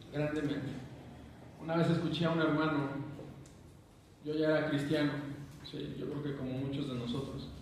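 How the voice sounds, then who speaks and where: Pastor man preaching to his church, kinda high voice, lots of hall echo. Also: slight background noise. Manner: animated preaching, calling out questions to the congregation. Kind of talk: sermon. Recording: echoey hall, picked up from a distance.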